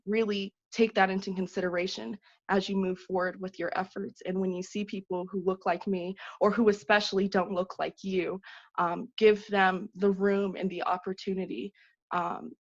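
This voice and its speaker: A woman giving an earnest, urgent personal speech as an awardee, pausing often on "um". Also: mid-range voice. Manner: earnest, urgent, many 'um' fillers. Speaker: awardee speaking at a virtual ceremony. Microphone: video call. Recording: dull lo-fi video call audio.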